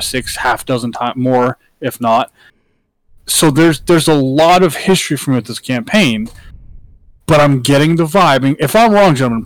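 A man's voice: medium pitch, no echo, low-quality recording. A man hosting a casual gaming podcast, talking in an opinionated, emphatic way. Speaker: podcast host.

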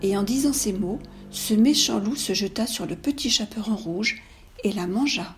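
A woman reading a classic fairy tale aloud in a clear, measured, expressive way. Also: mid-range voice, soft background music. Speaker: storyteller.

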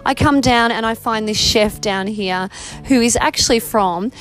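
A woman hosting a podcast, her voice sitting a touch higher than most. She talks in a chatty, eager rush and keeps jumping in on her guest. Faint music plays softly behind her. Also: normal speed. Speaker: podcast host. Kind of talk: casual podcast interview.

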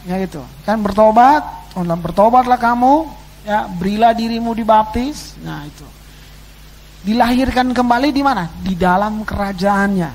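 A man delivering a sermon to a congregation, his voice leaping high and loud on key phrases, then dropping to hushed asides. He keeps calling out to his listeners directly. A faint hum and background noise sit under the recording. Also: normal speed, poor audio. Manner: animated, swinging between loud exclamations and quiet asides; addresses the congregation as "saudara". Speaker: pastor.

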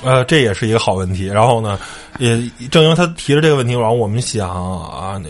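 Low-voiced relaxed man hosting a car podcast. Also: fast. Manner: relaxed, repeats words, laughs easily. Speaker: podcast host. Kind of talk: casual chat.

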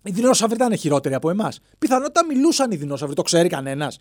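A man's voice: sits high, very animated, no room sound. A man hosting a solo comedic podcast, rambling playfully from one bit to the next and slipping into silly voices, alone in a studio. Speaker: podcast host.

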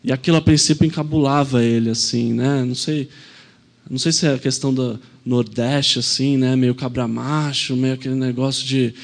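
A man's voice: medium pitch, steady tone, normal speed, creaky. A man, a pastor telling a personal story in a sermon in an earnest, reflective way.

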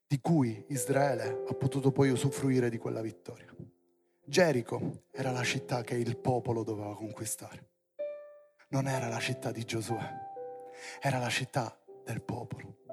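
A male preacher giving a lively sermon to young people, theatrical and building to loud exclamations. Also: mid-range voice.

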